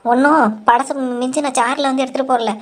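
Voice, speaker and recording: A woman voicing a quick-tongued, dramatic young daughter-in-law in a cartoon, sassy and defiant. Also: sits high, fairly even intonation. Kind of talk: cartoon voice acting.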